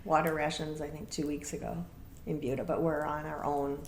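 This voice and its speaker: Croaky, froggy American woman, echoey room. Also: deep voice, level tone, brisk, a little hiss or hum. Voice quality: croaky, froggy voice from congested sinuses. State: congested sinuses. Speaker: podcast host. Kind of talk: casual chat on a knitting video podcast.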